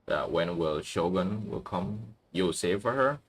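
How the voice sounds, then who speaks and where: A man's voice: low-pitched, animated, unhurried. A young man streaming a game, chatting casually in a laid-back way and calling his viewers bro. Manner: laid-back, calls everyone bro, reads chat aloud. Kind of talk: casual live-stream chat while playing.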